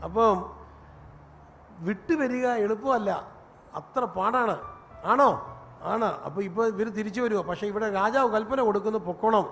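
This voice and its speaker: A high-pitched male pastor preaching a sermon in a reverberant hall, with faint noise behind him. He tells his stories in a loose, conversational way and then climbs into fervent, emphatic preaching. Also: fairly bright tone.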